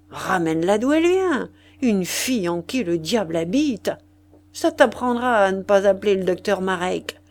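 A woman voicing an irascible, greedy male village vicar who scolds and hurls insults, in an audiobook reading. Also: medium pitch.

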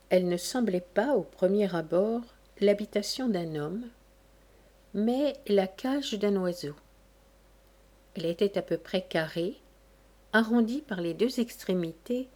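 A woman narrating a classic novel in a measured, deliberate reading. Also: mid-range voice, mellow. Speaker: audiobook narrator.

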